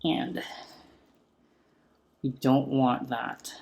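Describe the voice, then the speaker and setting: A man talking casually while repotting a houseplant at home, gently enthusiastic, speaking into a sensitive close mic turned up for ASMR. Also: mid-range voice, measured pace. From San Francisco area. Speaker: plant vlogger. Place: home room with a chandelier.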